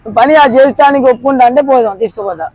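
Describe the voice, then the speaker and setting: A young man with a Telangana Telugu accent talks fast in a very high voice. He is pushy and insistent and keeps repeating himself as he runs a prank outdoors. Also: darkish tone, breathy edge, dry recording, rough recording. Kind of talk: prank conversation.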